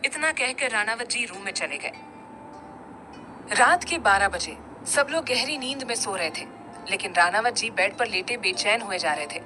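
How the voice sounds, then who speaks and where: A woman narrating a romantic story in an expressive storybook reading. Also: on the high side, rough recording.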